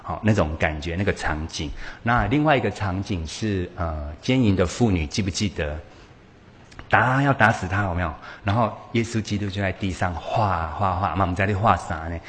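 A man giving a lively church teaching on pastoral care, acting out what people say and laughing often. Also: deep voice, normal speed. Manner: animated, acts out quoted voices, laughs often. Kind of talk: lively sermon talk.

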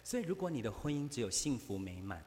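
A man's voice: medium pitch, sing-song, quick pace, darkish tone, long reverb tail, a little hiss or hum. A man preaching a sermon, telling a story and acting out both sides of the conversation.

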